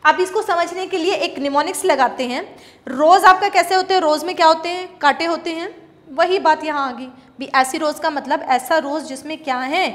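A woman's voice: sits high, normal speed, fairly bright tone. A woman teacher with an Indian accent explaining English vocabulary to students, patiently asking and answering her own questions. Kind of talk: classroom vocabulary lesson.

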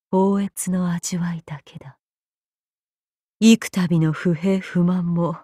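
A woman's voice: lowish voice, dark tone, slightly rough, no echo, clean studio sound. An actress playing a vengeful female gorgon monster in an anime game, imperious, cold and contemptuous. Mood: dark, brooding, then grudging, menacing. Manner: imperious, cold, contemptuous, deliberate archaic phrasing. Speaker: voice actor. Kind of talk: scripted anime game character lines.

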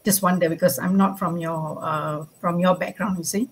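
Lower-voiced woman asking a question. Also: fairly even intonation, moderate pace, a little hiss or hum, low-quality recording. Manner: hesitant, many fillers, courteous. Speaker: audience member asking a question. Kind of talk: conference Q&A question. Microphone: video call webcam.

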